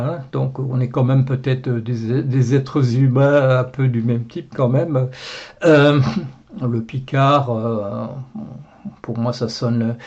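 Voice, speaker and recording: A Belgian man with a Belgian French accent speaks in a gravelly, mid-pitched voice. He rambles indignantly in a casual video monologue, with plenty of fillers and repeated phrases. The sound is a bit dull and lo-fi. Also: a little mellow. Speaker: blogger.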